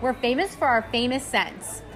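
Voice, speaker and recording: A woman playing an upbeat store clerk giving a sales pitch in a comedy sketch. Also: animated, normal speed, a bit bright, soft background music. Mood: chirpy. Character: chirpy woman store clerk selling candles.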